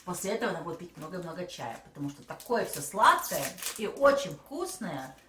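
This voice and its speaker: Jokey mom tasting snacks on camera, bouncy voice, echoey room, kinda far from the mic. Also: female voice, on the low side, brisk. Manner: playful, jokey, animated. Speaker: vlogger, mother. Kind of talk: casual snack-tasting chat. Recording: echoey room, mic at a distance, faint noise.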